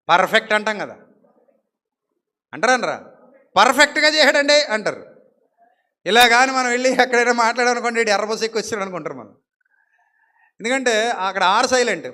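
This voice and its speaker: A man's voice: high voice, bright, forceful tone, long reverb tail. A male pastor preaching a sermon in a conversational way, acting out little dialogues and asking the congregation rhetorical questions.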